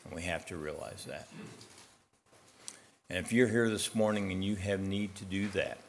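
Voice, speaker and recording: A man's voice: low voice, normal speed, vocal fry, a little hiss or hum. A man preaching a sermon to a congregation, telling a story and acting out its characters. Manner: storytelling with rising emphasis, voicing characters in a joke.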